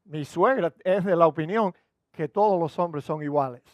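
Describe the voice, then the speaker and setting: High-voiced older pastor preaching with humor. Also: male voice, normal speed, no echo, muffled recording. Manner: humorous storytelling, conversational, code-switching into English. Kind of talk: sermon. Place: church.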